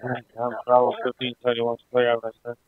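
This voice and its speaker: A man's voice: mid-range voice, completely flat delivery, fast talker, no echo. A man giving terse emergency reports as a radio caller, crackling over a two-way walkie-talkie. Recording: tinny band-limited police scanner radio.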